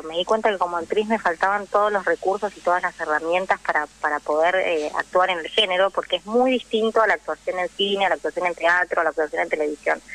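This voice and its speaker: Heard on rough audio, this woman has a fairly low, fairly bright voice and the accent of Rioplatense Argentine Spanish. She's a guest on a radio show, an actress who also teaches radio drama, and she speaks in a conversational way, giving long explanations.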